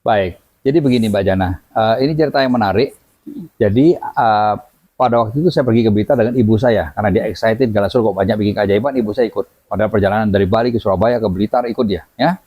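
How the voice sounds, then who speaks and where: A man telling a story as a guest in a lively way, acting out the voices of the people in it. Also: on the low side, fast, husky. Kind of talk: animated storytelling. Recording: dull lo-fi audio.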